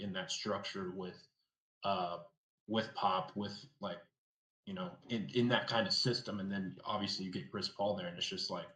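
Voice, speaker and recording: Male co-host, lowish voice in a roomy, echoing space; casual, rambling, trails off. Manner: rambling, many fillers, trails off softly. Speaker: basketball podcast co-host. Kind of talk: casual sports chat.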